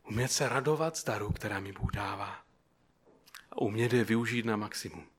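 A man's voice: lowish voice, slightly rough. A man preaching a sermon who keeps asking the listeners rhetorical questions and tells them an illustrative story.

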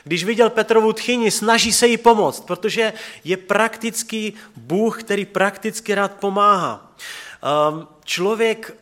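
Male pastor in his thirties, slightly high-pitched, earnest conversational sermon delivery that sinks to hushed tones. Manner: earnest and conversational, dropping to soft quiet tones. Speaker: preacher.

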